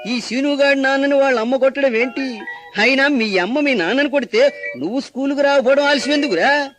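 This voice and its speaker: A man voicing a short-tempered middle-aged schoolmaster who scolds his pupils with loud insults in a mimicry comedy audio. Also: extremely high pitch, brisk, faint music behind, voice pushed up. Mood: exasperated. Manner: shouting insults, exasperated scolding.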